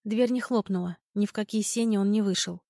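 A woman's voice: mid-range voice, fairly quick, dark tone, no room sound, clean studio sound. A woman reading a tense first-person audiobook in a dramatic way. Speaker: audiobook narrator.

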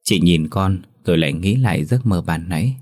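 Deep-voiced man narrating a ghost story. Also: lively intonation, brisk, darkish tone.

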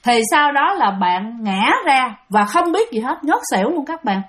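A woman's voice: high-pitched, sing-song, a little slow, fairly bright tone. Chatty woman storyteller. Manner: chatty, addresses listeners directly. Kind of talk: casual spoken ghost story narration.

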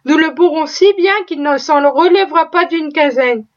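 Teasing teenage boy read by a woman, playful and boastful, high voice, lo-fi audio. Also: moderate pace, close to an everyday voice. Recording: slightly dull lo-fi recording.

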